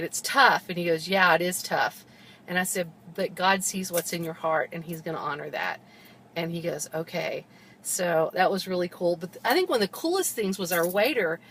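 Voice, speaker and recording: Woman sharing church outreach stories, bright tone, lively and eager, bit of hum behind. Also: fairly low pitch, poor audio. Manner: eager, animated, with quoted dialogue. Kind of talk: casual testimony storytelling.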